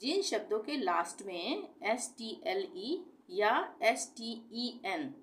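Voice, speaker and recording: Woman teacher explaining pronunciation, spells stuff out letter by letter real slow, asks a question then answers it herself. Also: on the high side, very animated. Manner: spells words letter by letter slowly, then repeats the reading. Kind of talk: explaining a lesson step by step.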